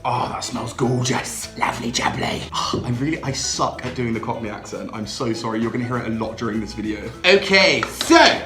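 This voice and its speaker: A young man hosting a drinks vlog in casual, upbeat chat, laughing often. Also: medium pitch. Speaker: drinks channel host. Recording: echoey room.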